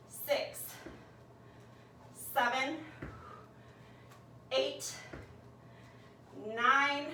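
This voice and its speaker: A woman's voice: high voice, fairly bright tone, reverberant, far from the mic, a little hiss or hum, low-quality recording. Breathless woman coaching a workout. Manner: encouraging, counts reps aloud. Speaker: fitness instructor.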